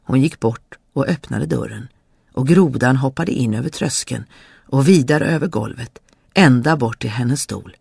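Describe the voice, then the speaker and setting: A narrator reading a fairy tale in a measured, expressive way. The voice is gravelly and husky, set in a dry, close recording. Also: mid-range voice, no echo.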